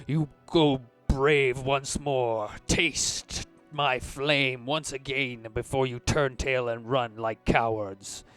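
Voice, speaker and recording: A proud, menacing dragon from a tabletop fantasy game, played by a man. The dragon voice is loud and grandiose, drawing out each scornful word at a slow pace. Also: steady tone, faint music behind. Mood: scornful, defiant. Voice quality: deep dragon voice. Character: proud old dragon defying foes, contemptuous and booming. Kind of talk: fantasy tabletop role-play.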